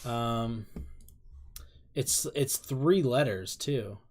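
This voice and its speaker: A man's voice: mid-range voice, extremely slow, a little mellow. A man in his thirties chatting casually through a reaction video, rambling and self-deprecating, breaking into laughs. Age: 30s. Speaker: K-pop reaction YouTuber.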